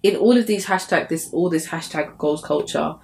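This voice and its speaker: A woman's voice: low-pitched, moderate pace, vocal fry, darkish tone. A woman in her twenties co-hosting a podcast, talking things through reflectively in casual conversation. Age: 20s. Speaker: podcast co-host. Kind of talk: casual chat.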